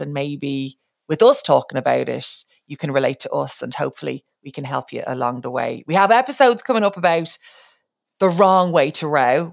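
A woman's voice: sits low, vocal fry, no room sound, clean studio sound. A woman from Dublin with an Irish city accent, hosting a podcast in a chatty, informal style. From Dublin, Ireland. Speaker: podcast host. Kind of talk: casual podcast chat.

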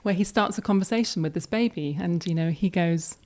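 A woman's voice: fairly low pitch, fairly quick. A woman child and family psychiatrist, explaining enthusiastically as a podcast guest. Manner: warm, explanatory, enthusiastic about research. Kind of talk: podcast conversation.

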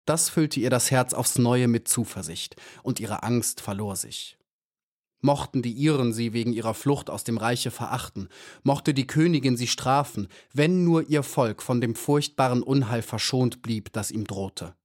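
A man narrates a children's story in a calm, measured way, with a mid-pitched, even reading voice. His delivery is steady and clear, like a practiced audiobook reader.

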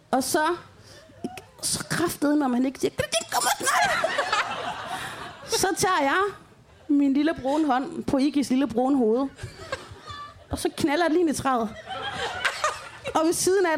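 A woman's voice: high voice, pauses often, noisy background. A woman hosting a podcast, telling a funny story casually, laughing often and swearing. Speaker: podcast host. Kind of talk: comic storytelling.

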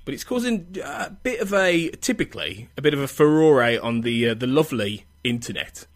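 A male podcast host speaks with an English Midlands accent at a middling pitch. His delivery is hesitant and halting, in the style of a casual discussion. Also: big pitch swings.

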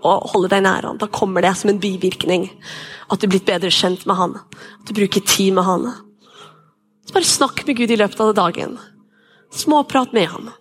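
A woman giving a conversational sermon and leading prayer in an earnest, encouraging way, speaking straight to her listeners. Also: mid-range voice. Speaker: preacher.

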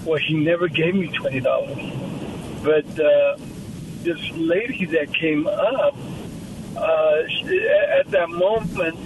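A male caller on the phone to a talk show, telling a slow, rambling story. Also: fairly high pitch, big pitch swings. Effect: over the phone. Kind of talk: call-in question and anecdote. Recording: distant noisy phone line.

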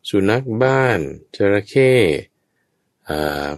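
A man's voice: slow, no room sound, clean studio sound. A man teaching Buddhist Dharma in a conversational way, explaining patiently and checking that his listener understands.

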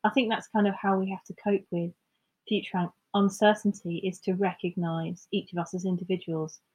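A woman co-hosting a podcast in casual chat, speaking in a reflective, measured way and agreeing often. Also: on the low side, level tone, a little mellow, husky, low-quality recording. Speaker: podcast co-host.

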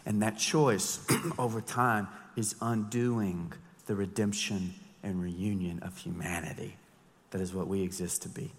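A man in his thirties, a pastor preaching an animated, joking sermon with emphatic storytelling. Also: sits low, a little slow, big-room sound. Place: church sanctuary.

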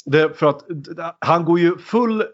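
A man's voice: fairly high pitch, muffled recording. A man in a casual chat, animatedly retelling a film with many fillers.

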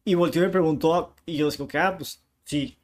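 Northern mexican guy, kinda high voice, chatting casually as an interview guest, tells stories with lots of slang. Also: moderate pace. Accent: northern Mexican Spanish. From Tijuana, Mexico. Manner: lively storyteller with slangy asides. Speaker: bookshop owner, interview guest.

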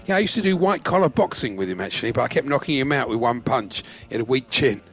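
Creaky-voiced man telling corny jokes. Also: mid-range voice, lively intonation, quick pace. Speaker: co-host reading out celebrity birthdays. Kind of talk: casual comic banter with pun punchlines.

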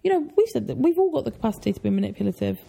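A woman's voice: a little high, very animated, very fast, gravelly, dark tone, a little hiss or hum. A woman in her twenties co-hosting a podcast, chatting casually and often agreeing with "for sure.". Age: 20s. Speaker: podcast co-host. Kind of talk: casual chat.

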